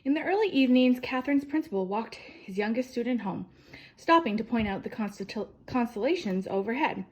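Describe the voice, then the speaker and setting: A woman storyteller, her voice slightly high and expressive, reads a children's biography from a picture book, though the audio quality is poor. Sentences begin with emphasis, the phrasing is deliberate, and endings fade softly.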